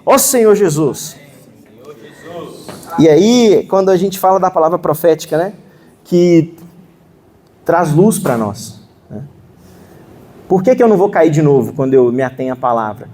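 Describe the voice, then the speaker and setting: High-pitched earnest Brazilian preacher, man. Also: animated, a little slow, long pauses, mellow. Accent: Brazilian Portuguese, Minas Gerais. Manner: earnest, conversational preaching with frequent "né?" and "Ó Senhor Jesus". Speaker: minister preaching. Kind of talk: sermon. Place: church meeting hall.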